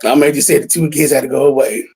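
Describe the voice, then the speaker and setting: A man hosting a casual sports chat, excitable, stammering and repeating himself. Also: medium pitch, fast, gravelly, breathy edge, rough recording. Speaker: podcast host.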